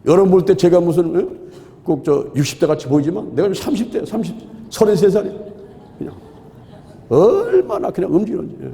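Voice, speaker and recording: A man in his sixties preaching, telling his story with lively, exclamatory repeats. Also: high-pitched, brisk, creaky, long pauses, slight background noise. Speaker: pastor. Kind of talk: sermon testimony. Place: large hall at a prayer retreat. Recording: echoey hall with long reverb.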